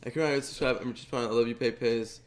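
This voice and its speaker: A man's voice: mid-range voice, fairly even intonation, fast. Stammering young male game streamer. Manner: stammers and repeats words, talks to chat while playing. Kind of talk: casual live-stream chat.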